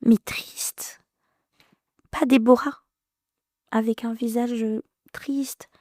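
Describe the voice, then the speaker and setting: Warm-voiced woman telling a hard story. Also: a little high, fairly even intonation, no echo, studio quality. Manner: halting, emotional, many restarts. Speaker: podcast guest. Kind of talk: personal storytelling.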